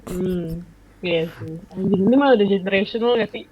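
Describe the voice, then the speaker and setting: A woman's voice: mid-range voice, normal speed. A 25-year-old woman co-hosts a late-night podcast. She chats and vents freely and slips English phrases into her talk. The recording sounds dull and lo-fi, with a faint hiss behind her voice. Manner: chatty, venting, mixes in English phrases. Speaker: podcast co-host. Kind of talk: casual late-night chat.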